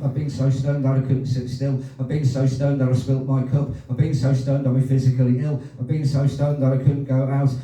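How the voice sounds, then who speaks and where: A man in his sixties performing his own rhyming poems at an open-mic night, with halting, chatty asides between pieces and casual swearing. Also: mid-range voice, dark tone. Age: 60s. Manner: rhythmic rhyming delivery, hesitant rambling asides, swears. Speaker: performance poet. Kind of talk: live poetry reading with chatty asides. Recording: very echoey room, distant, faint noise.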